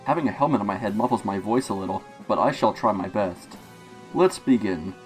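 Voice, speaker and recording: A man's voice: lowish voice, soft background music, natural voice. Man playing a formal knight muffled inside a helmet. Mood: courteous, formal. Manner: formal, polite, measured announcing. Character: courteous formal armored male knight speaking from inside a helmet. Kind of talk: in-character scripted message.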